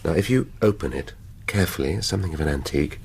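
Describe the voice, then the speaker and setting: Very deep-voiced, wry English police inspector. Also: male voice, lively intonation, rapid-fire, gravelly, darkish tone, a little hiss or hum, exaggerated voice. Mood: awkward, coaxing. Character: male police inspector in hospital, wry, pedantic, distracted, flirtatious. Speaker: actor in a radio drama. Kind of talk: radio drama acting.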